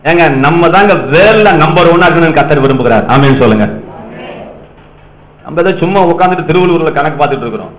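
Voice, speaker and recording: Male pastor, fairly high voice, teasing sermon style, quizzes the crowd, echoey lo-fi church recording. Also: animated, fast talker. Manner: teasing, asks the congregation questions and calls for amens.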